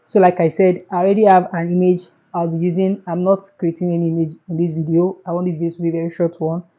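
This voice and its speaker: Nigerian-accented woman, chatty tutorial host, slightly low voice, dull lo-fi sound. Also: level tone, fast. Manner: chatty, repeats herself, step-by-step. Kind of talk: casual screen tutorial.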